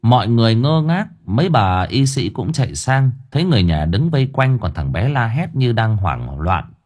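A man narrating a ghost story in an expressive, lively storytelling manner. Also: medium pitch, normal speed. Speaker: audiobook narrator.

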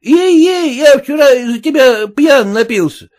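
A man's voice: animated, unhurried, a little mellow. A man putting on a whining one-eyed peasant. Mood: pleading. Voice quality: high whining plea.

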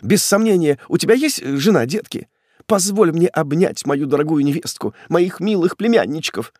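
A man voicing a terrified male prisoner, a fallen judge who begs for his life in a shrill, panicky voice. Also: expressive, normal speed, a little mellow, no echo, clean studio sound. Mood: fawning. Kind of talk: audiobook character voice.

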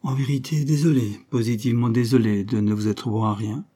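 A man reading the part of a haughty, hurried male deputy who is affectedly polite and dismissive. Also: mid-range voice, fairly even intonation, warm tone, close to an everyday voice. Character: haughty busy male deputy, Parisian cousin.

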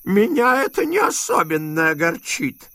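In a storybook reading, a man puts on a frightened old miser, an uncle who pleads and blusters. The voice sits high and leaps all over the place. The sound is dry and close. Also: very animated, bright, forceful tone, no echo, exaggerated voice. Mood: nervous, blustering. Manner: shrill, pleading, quick to bluster.

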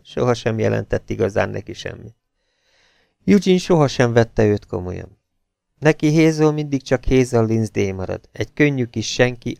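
A man reading a novel aloud as an audiobook narrator, in a steady, measured way. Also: medium pitch, creaky, no room sound, clean studio sound.

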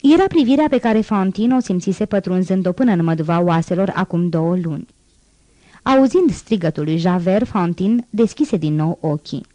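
A woman narrating a classic novel as an audiobook, in a measured, dramatic reading. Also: lowish voice, lively intonation, warm tone, no room sound. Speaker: audiobook reader.

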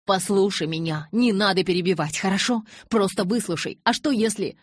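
Woman doing a young guy who barks and insists, audiobook, low husky tone. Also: moderate pace, no echo, studio quality. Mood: angry. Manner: loud, barking, insistent. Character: angry young man, hot-tempered and desperate. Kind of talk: audiobook character voice.

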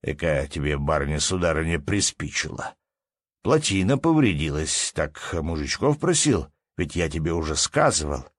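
A man voicing a blustering, domineering middle-aged village steward who shouts orders and laughs mockingly. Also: extremely low pitch, very animated, moderate pace, no echo, full character voice. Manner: gruff, bossy, mocking laughter.

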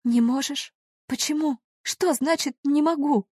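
A woman voicing a heartbroken young woman who pleads in a high, tearful voice. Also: a little slow, warm tone, no echo, studio quality. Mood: pleading.

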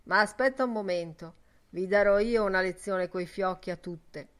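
A woman voicing a middle-aged, quick-tempered and sarcastic Irish father in an audiobook, with loud, mocking outbursts. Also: medium pitch, big pitch swings. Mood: angry outburst.

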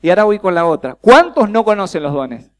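A man with a Rioplatense Spanish accent preaching a workshop at a church youth congress, lively, quizzing the crowd and acting out little dialogues. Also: sits high, fairly quick.

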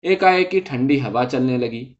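A man calmly reading a short story aloud as narrator, in a dull lo-fi recording. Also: medium pitch.

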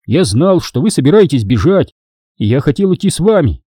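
A man's voice: a little high, very animated, brisk, warm tone, breathy edge, dry recording, studio quality, pitched above the performer's own voice. A man voicing a timid, guilty young boy who speaks in a trembling, hesitant way.

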